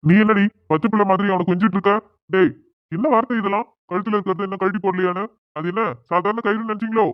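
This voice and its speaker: A man's voice: sits high, steady tone, fast, dry recording, lightly acted. A man voicing a stern reproachful father, tinny. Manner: reproachful and sarcastic. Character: village father, stern and wounded. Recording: tinny phone-like sound.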